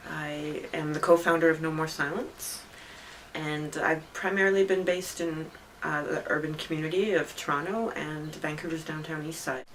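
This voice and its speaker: A woman's voice: low voice, steady tone, fairly bright tone. Reflective woman heard from a distance. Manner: reflective, with pauses and fillers. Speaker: filmmaker interviewee. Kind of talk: interview answers. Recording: distant mic with faint noise.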